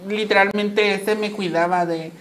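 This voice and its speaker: A young woman with a Mexican accent speaks as a guest in an interview. She is chatty and animated, with plenty of fillers and a mid-range pitch. Faint background noise sits under her voice. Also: unhurried. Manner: animated, chatty, laughs often, many fillers. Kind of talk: personal storytelling in conversation.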